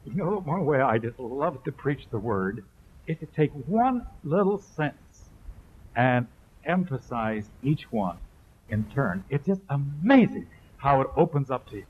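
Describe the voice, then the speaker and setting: A man's voice: medium pitch, very animated, a little slow, a little hiss or hum. A male pastor preaching a sermon at a church service, emphatic and building through repetition, heard on an old tape. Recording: muffled phone-like old tape.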